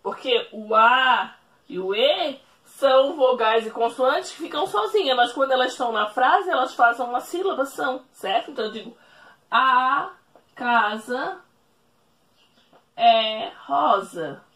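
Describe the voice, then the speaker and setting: A woman teacher explaining a lesson at a whiteboard, speaking slowly, repeating each rule and checking in with the class. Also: sits high, expressive, fairly bright tone. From Brazil. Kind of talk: recorded remote classroom lesson.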